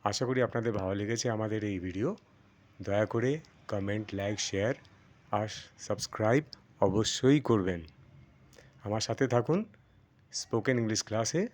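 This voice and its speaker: A man's voice: lowish voice, moderate pace, pauses often, a little mellow. A man teaching a spoken English lesson step by step, repeating words and drawing their sounds out. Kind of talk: slow step-by-step pronunciation lesson.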